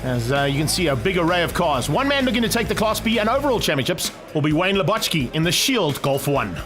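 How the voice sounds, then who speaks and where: A male motorsport commentator with a high-set voice calls the race. His delivery is that of a race broadcast, and music plays clearly behind him. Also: sing-song, fast. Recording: music under the voice.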